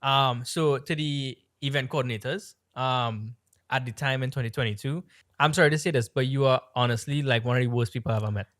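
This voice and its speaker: A podcast co-host from Trinidad speaks with a Trinidadian-tinged American accent in a mid-range voice, a little fast. In casual storytelling chat, he tells a long story in a rambling, animated way with lots of fillers.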